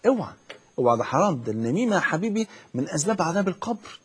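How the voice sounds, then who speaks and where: A man's voice: a little high, sing-song, racing, slight background noise. A man with an Egyptian Arabic accent, a preacher giving fervent, fatherly religious advice on a call-in show. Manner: fervent, fatherly, keeps saying "my dear".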